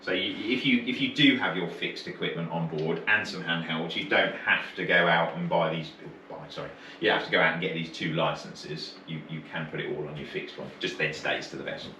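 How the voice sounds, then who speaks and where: This British marine radio instructor has a low voice, pushed and bright, with fairly even intonation; he talks a little fast and barely pauses. His teaching is casual, walking through each step and slipping in brief checking questions. Recorded in an indoor training room, the sound is roomy, with a distant mic and faint noise.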